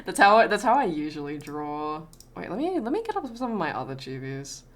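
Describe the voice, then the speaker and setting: A woman's voice: deep voice, sing-song, fairly quick, crowd noise. An Australian woman chatting casually on a live stream while she draws, greeting viewers and swearing freely.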